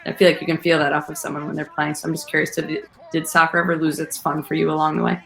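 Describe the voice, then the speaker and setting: A woman's voice: sits low, completely flat delivery, very fast, gravelly. A young woman hosting an interview, asking long rambling questions in a chatty, encouraging way. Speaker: podcast host. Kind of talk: casual interview chat.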